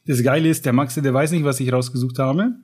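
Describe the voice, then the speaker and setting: A man's voice: medium pitch, fairly even intonation, a little fast, a little mellow, breathy edge. A man co-hosting a podcast on writing, chatting casually and enthusiastically, then reading a book passage aloud. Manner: enthusiastic, colloquial, with fillers. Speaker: podcast co-host.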